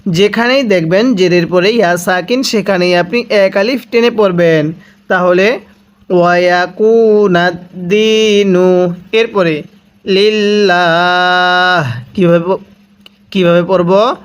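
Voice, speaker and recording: A man teaching Quran reading, drawing out each recited word slowly and repeating it for learners to follow, with brisk explanations in between. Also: high-pitched. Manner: drawn-out chanted recitation between quick explanations. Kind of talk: slow spelled-out recitation lesson.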